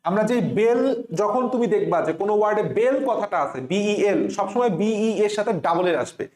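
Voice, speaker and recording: High-voiced man teaching spelling. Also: fairly quick, darkish tone, echoey room. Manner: repeats and breaks words into sounds, asks rhetorical questions. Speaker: tutor. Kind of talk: exam spelling lesson.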